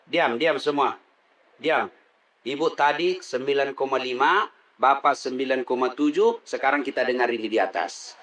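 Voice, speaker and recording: A man's voice: mid-range voice, fairly bright tone. A middle-aged man preaching a comedic sermon, teasing the crowd and leading call-and-response. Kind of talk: comedic sermon to a live audience.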